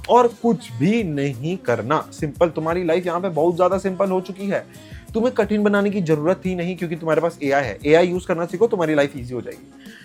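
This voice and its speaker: A young man talks straight to the camera, giving job tips in a casual, friendly way. He keeps checking in with his listeners as he goes. Soft music plays faintly under his voice. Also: sits high. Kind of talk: casual direct-to-camera advice.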